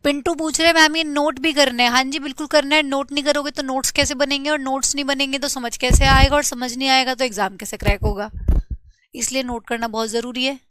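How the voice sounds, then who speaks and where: A woman with a high, bright voice leads a live online grammar class. She keeps the pace brisk, hurrying students to copy notes and answering their chat questions as they come in. The sound is dry and close. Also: flat delivery, clean tone, no echo. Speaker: English grammar teacher.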